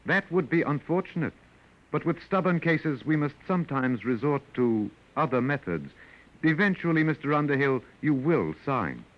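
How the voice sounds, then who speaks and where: Coldly polite robot on an old radio recording. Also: male voice, on the high side, expressive, normal speed, muffled recording, background noise. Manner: coldly courteous, formal. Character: polite, menacing male humanoid robot. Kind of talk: 1950s radio drama acting.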